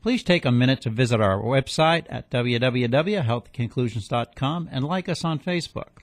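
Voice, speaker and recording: A man's voice: medium pitch, animated, normal speed, dry recording. A man hosting a radio health talk show, reading the intro and sponsor spots, then asking his guest questions with some hesitant fillers.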